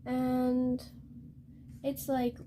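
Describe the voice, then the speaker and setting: A young woman explaining paintbrushes in a painting tutorial, hesitant and halting, often correcting herself. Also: high voice, monotone, mellow, a little hiss or hum. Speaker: art tutor.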